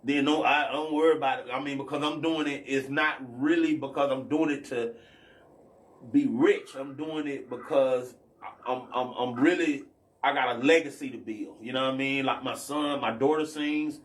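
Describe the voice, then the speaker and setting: A man's voice: medium pitch, fairly even intonation, normal speed. A man, a guest R&B artist talking in a loose, rambling way, often stopping to check in with the listener. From Athens, Georgia, US. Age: 40s. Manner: rambling, peppers talk with "you know what I'm saying". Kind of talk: casual podcast conversation.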